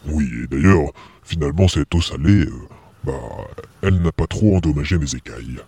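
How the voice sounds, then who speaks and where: A man's voice: very deep voice, moderate pace, mellow, slightly rough, no echo, voice pushed down. A man voicing a fussy male freshwater crocodile who worries about his scales in a children's story, drawling and hesitant. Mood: relieved.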